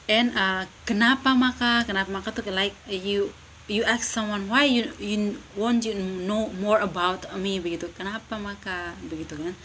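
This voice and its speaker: A woman's voice: medium pitch, steady tone, measured pace, a bit bright, poor audio. A young woman talks through a class presentation in a mid-range voice. She hesitates a lot and keeps filling gaps with "uh". Faint noise sits under her voice. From Lembata, eastern Indonesia. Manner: hesitant, many fillers, switching between English and Indonesian. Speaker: university student.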